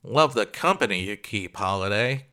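An actor playing a brusque, skeptical old-time police lieutenant in a hardboiled detective radio drama, talking in tough period slang. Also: male voice, lowish voice, expressive, moderate pace, sharp tone. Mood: impatient, dismissive.

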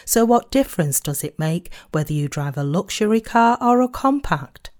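A woman reading a sermon aloud in a measured, earnest way, slowing down on key phrases. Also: on the low side, lively intonation, a little mellow. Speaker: sermon reader.

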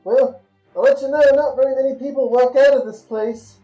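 A man's voice: very high-pitched, fairly even intonation, fairly quick, mellow, echoey room, distant mic, soft background music, voice pushed up. A man voicing a polite, jolly male prisoner in a cell, his voice muffled behind a hand as if heard through a wall. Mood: ominous. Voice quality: jolly, genteel mock-British phrasing.

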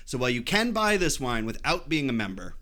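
A man's voice: medium pitch, sing-song, brisk, pushed and bright. A man co-hosting a podcast, casually explaining a sparkling wine, laughing easily as he rambles. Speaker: podcast co-host. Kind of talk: casual wine-tasting chat.

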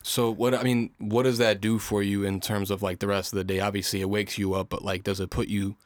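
A young man hosts a casual podcast chat, speaking fairly quickly in a fairly low voice. He asks relaxed, probing questions in loose, rambling phrasing, and the recording is a clean studio sound with no room sound.

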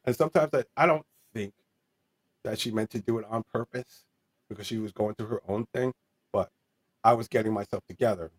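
A man's voice: lowish voice, a little fast, slightly rough. A man in his forties telling a candid personal story in an interview, earnest and rambling, with many fillers and restarts. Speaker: interview guest.

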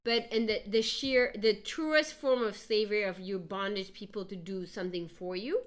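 A woman's voice: mid-range voice, moderate pace. A woman from Africa, raised in the United States since childhood, co-hosting a casual podcast and arguing her point earnestly. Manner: earnest, argumentative.

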